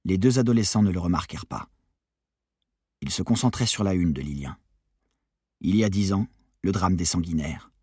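A man narrating a novel in a steady, even reading voice. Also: low-pitched, normal speed, pauses often, husky, dry recording, studio quality. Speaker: audiobook narrator.

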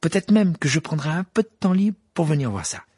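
Laid-back young wizard, knowing, husky; male reader. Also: on the high side, lively intonation, a little fast, dark tone, no echo, studio quality, voice pushed up. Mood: wistful.

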